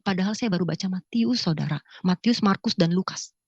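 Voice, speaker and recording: A woman giving a spoken religious testimony, acting out conversations with lively vocal shifts. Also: lowish voice, fairly quick, husky, no echo, muffled recording. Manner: animated storyteller who acts out dialogue in a raised voice. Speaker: testimony speaker.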